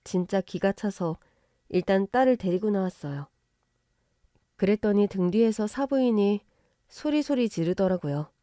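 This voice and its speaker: Middle-aged woman, scripted narration, calm storytelling, dry close sound. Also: medium pitch, normal speed, dry recording. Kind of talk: scripted first-person narration.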